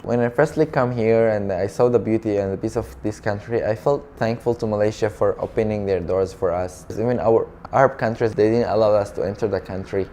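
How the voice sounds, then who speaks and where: A young Syrian man, a refugee, tells his story in a documentary interview. He speaks softly, haltingly and earnestly, with non-native grammar, in a fairly low voice over a little hiss or hum.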